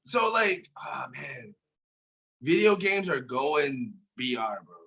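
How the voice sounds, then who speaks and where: A man's voice: on the high side, sing-song, slow, vocal fry, pushed and bright. A man co-hosting a podcast in casual, profane, joking banter. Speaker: podcast co-host. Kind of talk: casual chat.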